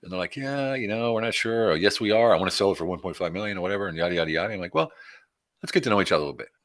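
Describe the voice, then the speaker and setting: A man from Pennsylvania talking quickly in a bright, forceful, somewhat low voice. He tells stories in a casual interview, acting out little conversations along the way. His delivery stays loose and animated. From Pennsylvania, USA. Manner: animated storytelling, acts out conversations. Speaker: guest, business consultant.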